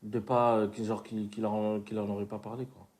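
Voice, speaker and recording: A man's voice: lowish voice, flat delivery, brisk, darkish tone. A man chatting casually and giving slangy, opinionated commentary as he reacts to a reality show. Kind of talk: casual chat.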